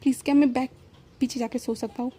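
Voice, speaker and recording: A woman voicing a quiet, meek young man in pain, reading his lines in a husky story voice. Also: sits high, fairly even intonation, fast talker. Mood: pleading.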